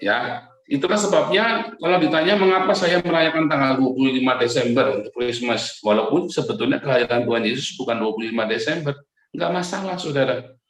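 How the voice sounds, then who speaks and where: A male pastor giving a chatty sermon, his voice echoing strongly as in a large hall, often turning to his listeners with a tag question. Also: mid-range voice. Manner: chatty, keeps addressing listeners as brothers and sisters with a tag "right?". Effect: strong echo like a big church hall. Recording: echoey room sound.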